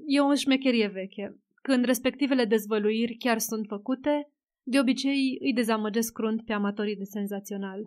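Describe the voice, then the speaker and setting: Sharp polite detective man, calm questions, bit high voice, read by a woman. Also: natural voice. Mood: inquiring. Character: shrewd polite male detective.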